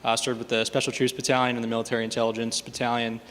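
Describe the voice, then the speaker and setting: A man from New Hampshire, a veteran, introducing himself in a quick, flat way. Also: mid-range voice, slight background noise. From New Hampshire, USA. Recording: reverberant room, faint clicks, voice off-mic.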